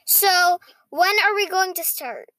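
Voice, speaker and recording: A woman's voice: very high voice, lively intonation, unhurried, sharp tone, low-quality recording. A young girl co-hosting a podcast, chatting casually and reading out quiz questions. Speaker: podcast co-host. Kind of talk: casual podcast chat, reading quizzes aloud.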